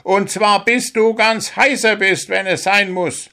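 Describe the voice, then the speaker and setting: A man's voice: sits high, steady tone, measured pace, sharp tone, pitched above the performer's own voice, full character voice. A man voicing a small, strict bird who coaches a football team, scolding and sarcastic.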